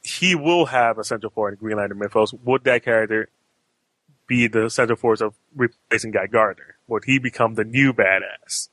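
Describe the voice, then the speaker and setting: A man's voice: fairly low pitch, moderate pace, fairly bright tone, dry recording, low-quality recording. A man hosting a comics podcast who rambles in casual chat and puts questions to his co-hosts. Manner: rambling, asks the panel questions. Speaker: podcast host.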